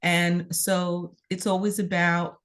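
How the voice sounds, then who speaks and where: A woman's voice: lowish voice, flat delivery, slow, a bit bright. A woman hosting a conversational interview, encouraging her guest and affirming her with frequent murmurs. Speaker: interview host.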